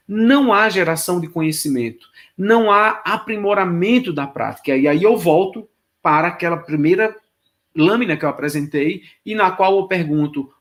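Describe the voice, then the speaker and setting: A man with a fairly high speaking voice lectures on choral rehearsal. He explains exercises in an instructive tone and sings solfège syllables to demonstrate them. He speaks directly to the students.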